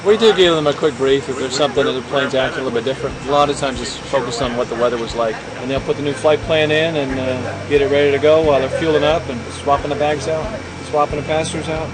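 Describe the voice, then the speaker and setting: A man's voice: mid-range voice, steady tone, fast, few pauses, low-quality recording. A man working as an airline pilot, casually explaining the routine of his job.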